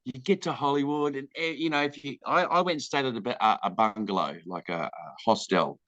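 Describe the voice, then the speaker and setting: A man's voice: medium pitch, a little fast, a bit bright, no echo. An Australian man, a film director, answering interview questions in a candid, rambling way and acting out the people in his stories. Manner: candid, rambling storyteller who acts out quoted people. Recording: dull lo-fi dry recording.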